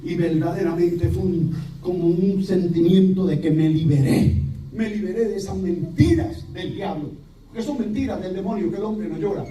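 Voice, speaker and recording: A priest with a Puerto Rican accent giving a lively sermon, telling stories and imitating voices. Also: male voice, sits high, moderate pace. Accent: Puerto Rican Spanish. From Puerto Rico. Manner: lively storytelling preacher, mimics voices, laughs. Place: church hall. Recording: roomy, distant church recording with faint hiss.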